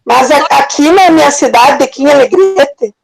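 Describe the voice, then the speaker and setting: A woman's voice: sits high, animated, normal speed, gravelly, over music, poor audio. A woman taking part in a casual online class, hesitant and thinking aloud with restarts, over a video call. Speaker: class participant.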